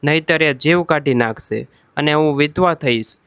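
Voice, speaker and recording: A man's voice: on the high side, normal speed, a bit bright, clean tone, no room sound. A man voicing a frightened young woman who implores her father for her husband's sake, in a storybook narration. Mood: imploring. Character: frightened young woman, devoted wife and daughter.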